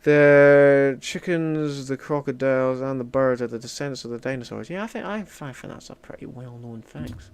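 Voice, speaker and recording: A man's voice: mid-range voice, normal speed, hardly any pauses, slight background noise. A Scottish man streaming a strategy game, chatting casually and rambling with lots of "like" fillers. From Scotland. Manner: rambling, heavy use of "like" fillers.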